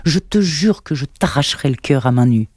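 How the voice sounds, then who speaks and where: A male reader putting on a woman in her mid-thirties, sharp and quick to anger yet fond underneath. The voice sits higher than his own but stays warm and mellow. Recorded dry and close, like a storybook read in a booth. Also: expressive, no echo. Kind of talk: audiobook narration.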